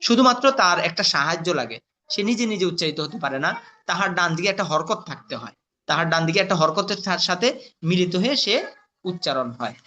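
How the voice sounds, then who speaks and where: A man teaching Quran letter reading in a patient classroom lesson, spelling out sounds slowly and quizzing his students with questions. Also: sits high, animated, bright, forceful tone, muffled recording, a little hiss or hum.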